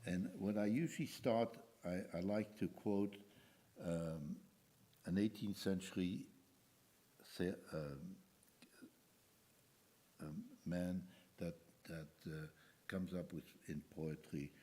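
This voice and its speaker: An older man with a deep, low voice gives a talk at a commemoration as a guest speaker. His tone is dark and mellow. He speaks haltingly, repeating words and restarting his sentences as he goes. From Belgium.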